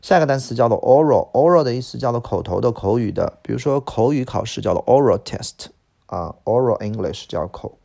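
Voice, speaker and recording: A man's voice: mid-range voice, gravelly, mellow. A man teaching English vocabulary, explaining words in Mandarin and repeating them with chatty examples. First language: Mandarin Chinese. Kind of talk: vocabulary lesson.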